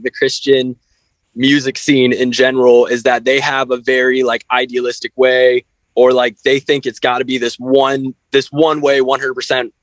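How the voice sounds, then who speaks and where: Blunt and candid, a man who fronts a band chats as a podcast interview guest, cursing freely and sprinkling "like" throughout. His voice sits on the high side, and the audio is poor with no room sound.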